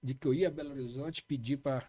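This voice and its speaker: A man's voice: medium pitch, steady tone, fast, dark tone, dry recording. Storytelling man, dry close mic. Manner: anecdotal, repeats key phrases, frequent "né". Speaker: police chief guest. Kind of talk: casual storytelling interview.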